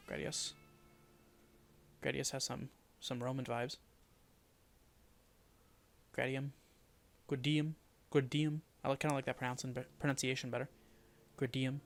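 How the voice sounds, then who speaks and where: A man streaming live, thinking aloud as he mutters and repeats made-up names to test how they sound, often dropping to a quiet murmur. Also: medium pitch. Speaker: streamer building a fantasy world.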